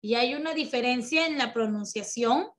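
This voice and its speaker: A woman teaching English to children over a video call, encouraging and slow, switching between English and Spanish. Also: a little high, a little hiss or hum. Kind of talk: online children's class.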